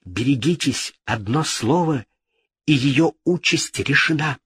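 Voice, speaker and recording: A man's voice: medium pitch, lively intonation, a little slow, a bit bright, breathy edge, no room sound, clean studio sound, heavily acted. A male reader voicing a vengeful royal woman who threatens in a rising fury. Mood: threatening. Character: vengeful, furious royal woman, queen's sister.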